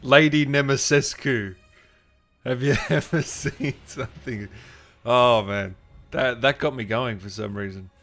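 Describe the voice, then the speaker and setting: A man reads his viewers' comments on a livestream and jokes around with them in an informal, matey way, with soft background music behind him. His voice is medium-pitched and a bit bright, with fairly even intonation and an unhurried pace.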